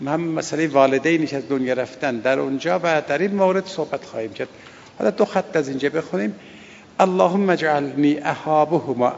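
Male preacher, gravelly and a bit high, who slowly chants the prayer and then explains it conversationally, on a dull recording. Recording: lo-fi recording with long hall reverb.

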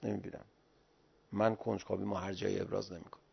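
Middle-aged man, sermon, pleading exclamatory delivery, gravelly, dull lo-fi recording. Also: sits low, little pitch movement. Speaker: religious lecturer. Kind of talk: sermon-like religious talk.

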